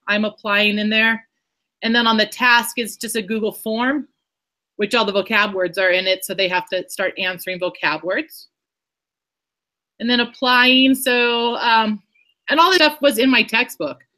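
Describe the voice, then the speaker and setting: A woman teacher talks through how she built a lesson. Her voice is bright and forward. She rambles in a chatty way and restarts her sentences often. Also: mid-range voice. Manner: rambling, self-correcting, chatty. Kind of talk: casual explanation in an online workshop.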